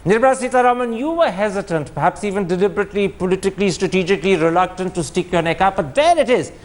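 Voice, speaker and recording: A man with an Indian accent, a television news anchor moderating a debate and pressing guests with brisk questions. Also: sits high, lively intonation.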